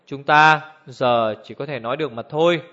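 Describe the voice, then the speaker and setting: A man voicing an elderly male judge who speaks in a cold, clear, measured way, on a dull lo-fi recording. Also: medium pitch, bright, forceful tone, close to an everyday voice. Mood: cold, deliberate. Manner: measured, icy authority.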